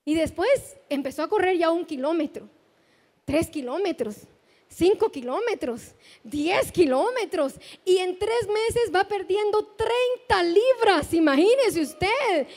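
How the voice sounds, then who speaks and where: A middle-aged woman pastor with a Guatemalan accent, preaching a sermon and telling a lively story, asking the congregation direct questions. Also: very high voice, measured pace. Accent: Guatemalan Spanish. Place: large church hall. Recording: long church hall reverb.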